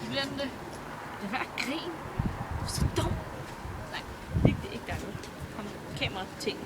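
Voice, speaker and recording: A teenage girl talks to her computer's webcam at home, rambling from one thing to the next with giggles and offhand swearing. Her voice sits a little high. Loud background noise runs under the whole recording. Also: expressive. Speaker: vlogger. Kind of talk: casual rambling chat to camera.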